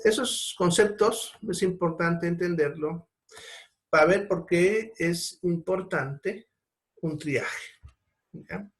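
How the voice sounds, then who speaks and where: A man gives a lecture on triage. His voice sits a bit high for a man. He explains patiently, pausing to check that his listeners follow. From Bolivia. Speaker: seminar instructor.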